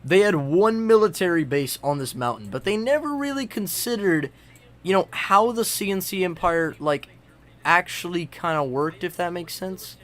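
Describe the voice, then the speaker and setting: A man's voice: sits high, lively intonation, normal speed. A young man narrating a server's border history in casual, rambling commentary full of fillers and restarts while he edits a map. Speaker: video creator.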